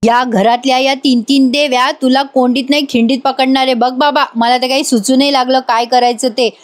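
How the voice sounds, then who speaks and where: A woman voicing an older man, a teasing uncle, speaking slowly and drawing out his warnings. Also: sits high, steady tone, natural voice. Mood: worried. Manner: slow, drawn-out, teasing. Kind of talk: voice-over retelling of a TV serial.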